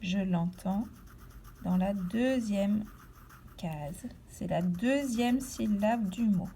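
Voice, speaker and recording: A woman teaching young children, speaking patiently and repeating each word slowly and distinctly. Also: medium pitch, warm tone, a little hiss or hum. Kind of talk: slow, deliberate lesson for young children.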